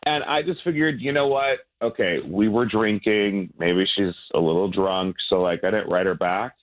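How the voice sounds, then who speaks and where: A man's voice: lowish voice, normal speed. A man on a phone line, talking casually on a radio show, laid-back and rambling, laughing as he explains. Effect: heard over a phone line. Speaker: caller on a radio dating segment. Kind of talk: casual chat.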